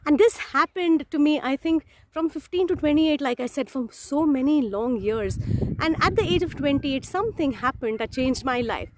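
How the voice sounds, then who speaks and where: A woman tells a personal story straight to camera. Her voice sits a little high, and her delivery is expressive and emphatic. Steady background noise runs under the recording. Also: normal speed. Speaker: NLP coach.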